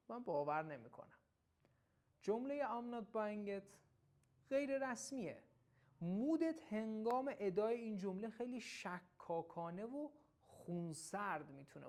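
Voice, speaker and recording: A woman teaching everyday English phrases in a casual lesson, saying each phrase slowly and then explaining it quickly. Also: medium pitch. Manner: praises the listener warmly when coaching them to repeat.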